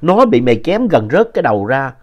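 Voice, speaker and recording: A man's voice: medium pitch, sing-song, fairly quick. A man voicing a blunt old grandfather in a spoken ghost story, with a southern Vietnamese accent. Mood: alarmed. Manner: blunt and scolding. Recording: dull lo-fi audio.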